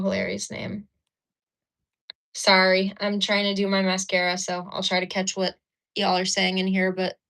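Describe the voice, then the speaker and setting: A bright, chatty woman from Ukraine does her makeup at an indoor mirror while hosting a casual livestream, her medium-pitched voice a little creaky. She talks, laughs, and curses throughout, and a phone serves as the microphone.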